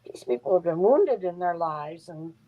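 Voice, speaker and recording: A woman's voice: on the low side, expressive, moderate pace, phone-quality sound. A wheezy, short-of-breath woman chatting casually in a rambling, earnest way. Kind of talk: casual chat.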